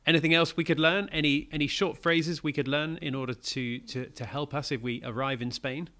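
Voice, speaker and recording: A man's voice: fairly high pitch, steady tone, brisk, sharp tone. A male host interviewing a guest, encouraging and curious and nodding along with short replies.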